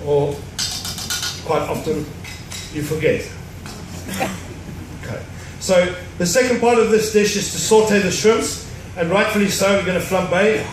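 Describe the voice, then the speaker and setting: A man's voice: high voice, a little slow, long pauses. A middle-aged man, a chef, explaining a recipe step by step with dry jokes at a live cooking demonstration. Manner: explanatory, dryly joking. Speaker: cruise ship chef. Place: cruise ship show stage before an audience. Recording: echoey hall, distant mic, noise.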